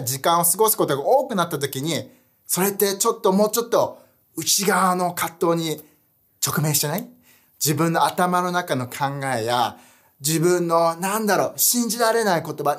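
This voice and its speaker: A young man preaching a casual online sermon, animated and chatty, often asking his audience questions. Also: high voice. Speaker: youth pastor.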